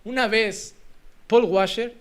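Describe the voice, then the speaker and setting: A man preaching a sermon as a pastor, lively and acting out little scenes of parents and children. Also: sits high, slow pace, smooth. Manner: animated, acts out children and parents in quoted asides.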